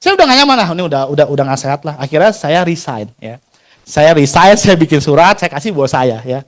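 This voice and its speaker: Man, 40s, rapid and animated motivational storyteller, slangy, acts out quotes. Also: on the high side. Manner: chatty, slangy, acts out quoted dialogue, laughs often. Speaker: insurance agent sharing his career story.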